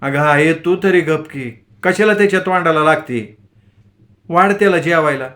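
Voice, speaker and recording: A man's voice: on the high side, moderate pace, fairly bright tone, voice pushed up, close to an everyday voice. A man voicing a sick young son who pleads in a feeble, tearful voice. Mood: pleading tired. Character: weak, sick young son, near tears.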